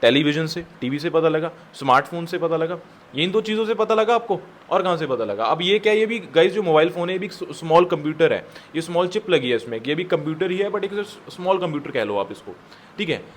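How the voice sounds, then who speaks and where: A man's voice: fairly high pitch, animated, brisk, slight background noise. A man giving a motivational business talk, emphatic, repeating his key lines and mixing in English words. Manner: addresses viewers as guys. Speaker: network marketing business coach.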